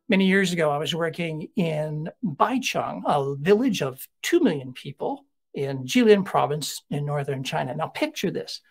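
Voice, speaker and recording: A middle-aged man giving a keynote talk, telling stories with lively conversational asides. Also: a little high, slightly rough. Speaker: keynote speaker.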